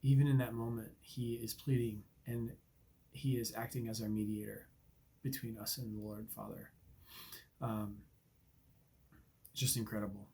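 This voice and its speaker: Reading scripture and offering devotional commentary, this Bible podcast host sounds earnest and reflective, dotting his speech with ums and uhs. His voice is lowish and darkish, he sniffles from allergies, and a faint hiss or hum sits in the recording.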